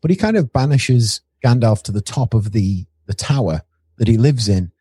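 A man's voice: medium pitch, lively intonation, normal speed, dark tone, husky, no room sound, studio quality. A man co-hosting a podcast, chatting casually and a bit ramblingly about a film. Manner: chatty, rambling, with small restarts. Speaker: podcast co-host reviewing a film.

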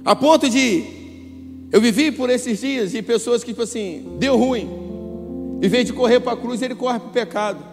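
Impassioned high-voiced male pastor preaching. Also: expressive, normal speed, gravelly. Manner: impassioned, storytelling, acting out dialogue. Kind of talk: sermon. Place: church hall. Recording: church hall reverb with soft instrumental music.

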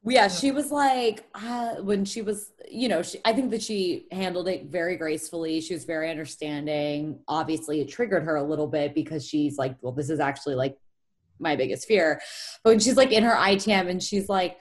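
An American woman with vocal fry and a Valley Girl way of talking, chatting casually as a podcast co-host. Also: on the low side, a little fast, hardly any pauses. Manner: frequent filler "like", Valley Girl delivery. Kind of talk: casual, bantering chat.

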